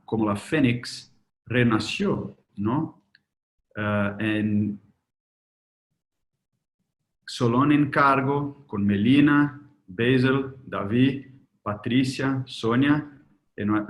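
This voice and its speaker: Como ponente invitado en un webinar transmitido por videollamada, un hombre de Brasil, oftalmólogo y hablante nativo de portugués, expone con un leve deje argentino. Tiene un tono medio y un ritmo lento, titubeante y cargado de muletillas.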